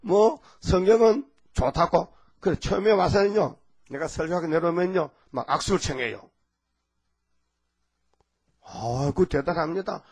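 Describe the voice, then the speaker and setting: An older pastor with a Gyeongsang Korean accent and a high, darkish voice preaches at a moderate pace. His sermon is rambling and folksy, and he keeps turning to the congregation with call-and-response asides.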